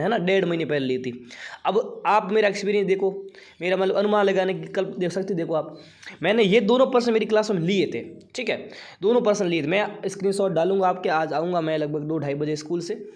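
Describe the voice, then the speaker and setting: A man teaching an online exam-prep class in casual Hindi with a Rajasthani accent, chatty and repeating himself, often checking in with "ठीक है". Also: high-pitched.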